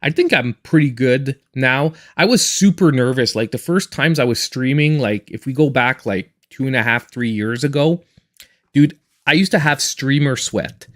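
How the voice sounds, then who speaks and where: A man's voice: mid-range voice, normal speed. A man in his forties chatting casually and in a reserved way while he live-streams a game as host. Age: 40s.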